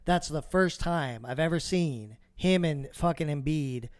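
Sports podcast co-host, man, relaxed, cussing, dry recording. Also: fairly high pitch, unhurried, clean tone, no echo. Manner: laid-back, swears freely. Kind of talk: casual sports chat.

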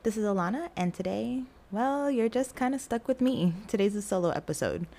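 A woman's voice: a little high, lively intonation, a little fast, gravelly, warm tone. A woman in her twenties hosting a casual solo podcast, talking slightly mouthily with new braces. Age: 20s. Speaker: podcast host.

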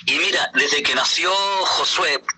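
Pastor guy telling his faith story, middle-aged, kinda high and super bright, lots of pauses and ums. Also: slight background noise, low-quality recording. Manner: earnest, halting, many hesitations. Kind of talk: personal faith testimony.

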